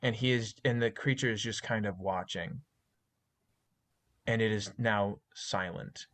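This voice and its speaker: A man narrating a tabletop horror game as game master, talking haltingly with many fillers and self-corrections. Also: fairly low pitch, a bit bright.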